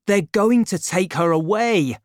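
A woman's voice: low voice, expressive, unhurried, no room sound. A woman reading the lines of a brave young male guardsman in an urgent, earnest way, close to her own voice.

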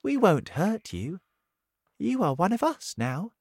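A man voicing a kind, gentle giant female ladybird in a storybook reading, speaking softly and high. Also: huge pitch swings, slow, no echo, heavily acted.

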